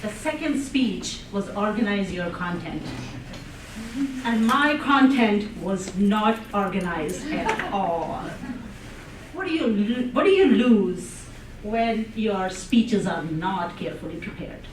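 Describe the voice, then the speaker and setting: A public speaker with an Indian accent talks slowly and expressively in a medium pitch, engaging a conference room audience with questions and frequent laughter. Her voice sounds far away, and the room is echoey and noisy.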